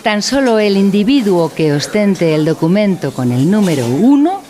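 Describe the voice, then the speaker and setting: Playing a pompous, pedantic teacher in a spoof educational radio play, this female narrator speaks formally and solemnly to instruct. Her mid-range voice is warm and natural, moving at a moderate pace with big pitch swings.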